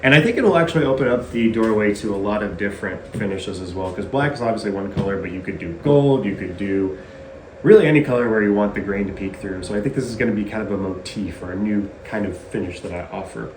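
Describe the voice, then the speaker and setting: Upbeat low-voiced man in echoey garage. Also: fast talker. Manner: upbeat, jokey, chatty. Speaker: guitar builder and channel host. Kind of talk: casual workshop tutorial. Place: home garage workshop. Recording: echoey garage with faint noise.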